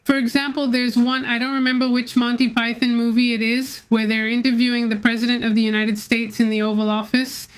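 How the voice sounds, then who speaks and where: Smooth, flat-voiced woman co-host. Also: on the high side, a little fast, hardly any pauses. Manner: recounts comedy sketches and greets viewers. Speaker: co-host of a live news stream. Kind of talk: casual live-stream chat.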